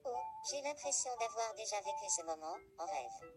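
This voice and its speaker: A synthesized male voice playing a fussy, slow young game avatar, with a robotic singsong sound. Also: sits high, very animated, far from the mic. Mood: drowsy. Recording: game audio over music.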